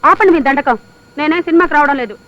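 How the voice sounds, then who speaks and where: An actress playing a devout, fussy wife who scolds primly in a film comedy. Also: female voice, sits high, fast talker, close to an everyday voice. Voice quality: prim, scolding. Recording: dull lo-fi film audio.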